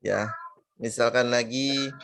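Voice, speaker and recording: Slow, patient male recitation teacher. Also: medium pitch, steady tone, creaky, noisy background. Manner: explains patiently, drawing out and repeating sample syllables. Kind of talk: online tajwid lesson.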